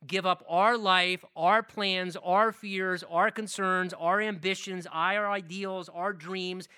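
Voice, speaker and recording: A man preaching a sermon as pastor, emphatic and animated, building his points through long lists of phrases. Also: sits high, slow pace, clean tone, no echo, studio quality.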